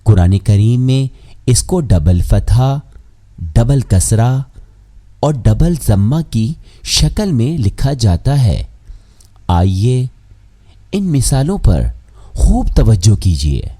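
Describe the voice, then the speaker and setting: Slow, dark-voiced male teacher. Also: medium pitch, sing-song. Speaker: Quran recitation teacher. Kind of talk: scripted explanatory lesson.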